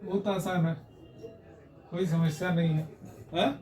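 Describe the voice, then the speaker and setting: A man teaching English grammar in a classroom lesson, explaining slowly and checking in with his students again and again. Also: high voice, fairly even intonation, darkish tone. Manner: explains slowly, repeats and checks with "haan?" and "theek hai?". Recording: echoey room, mic far off.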